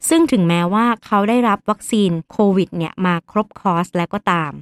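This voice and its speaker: A woman's voice: lowish voice, brisk, no echo. A woman doctor hosting a podcast, explaining a case patiently and acting out the dialogue with her patient. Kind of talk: storytelling health podcast.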